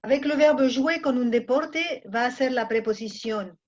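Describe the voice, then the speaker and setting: An unhurried woman with a high voice and a Mexican accent delivers an online French lecture in Spanish, often pausing to check that her students are with her. The recording is muffled and lo-fi.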